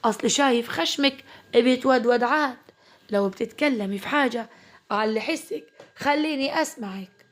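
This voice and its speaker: A stern, commanding old patriarch rules the dinner table in this spoken story, his rebukes slow and weighty, as a woman storyteller voices him. The voice sits slightly high. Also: close to an everyday voice.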